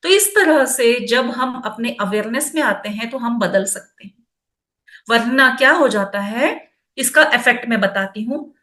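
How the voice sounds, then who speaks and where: A woman's voice: a little high, animated, unhurried, bright, forceful tone. A middle-aged woman teaching personality development in a chatty self-help talk, mixing in English phrases. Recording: roomy echo.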